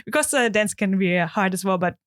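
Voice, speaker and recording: A woman's voice: mid-range voice, animated, fairly quick, fairly bright tone, dry recording, studio quality. A German woman from the east of the country, co-hosting a podcast in friendly casual chat with a German accent. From eastern Germany. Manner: friendly, frequent agreeing interjections. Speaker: podcast co-host. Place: dry studio.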